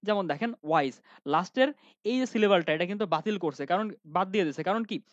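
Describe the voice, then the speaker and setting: A man's voice: sits high, expressive, brisk, dry recording. Guy teaching grammar online, keeps asking then answering himself, lots of ums, dull dry audio. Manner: asks students questions and answers them himself, with frequent fillers.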